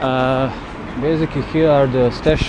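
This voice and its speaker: Halting male vlogger in loud outdoor wind. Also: mid-range voice, steady tone. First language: not English. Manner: halting, hesitant non-native English with searching pauses. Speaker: travel vlogger, tour guide. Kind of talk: unscripted walking city tour commentary. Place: outdoors on windy city streets by a river.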